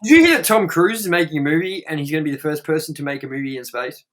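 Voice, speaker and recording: A fast talker with a slightly high, animated, and a bit bright voice, this young man co-hosts a movie review show. He reads trivia out casually, rambling with blunt profanity and constant "like" fillers.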